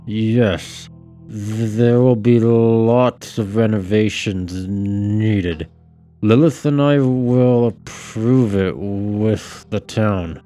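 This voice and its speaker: A man voicing a brooding, volatile scarred man who speaks slowly and haltingly. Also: lowish voice, warm tone, soft background music. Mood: measured. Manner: slow, halting, drawn-out speech.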